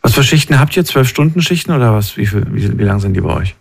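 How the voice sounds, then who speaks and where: A man's voice: medium pitch, lively intonation, fast talker, gravelly, husky. Probing male call-in host. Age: 30s. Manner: probing, repeats himself when asking questions. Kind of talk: casual phone-in chat.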